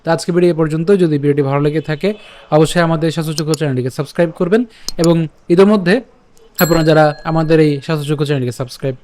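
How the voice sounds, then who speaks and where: A man teaching pronunciation of a scripture verse step by step, breaking words into syllables and repeating them slowly. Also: fairly high pitch, fairly even intonation, a little mellow. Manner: chants verses in a slow melody. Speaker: Gita recitation teacher.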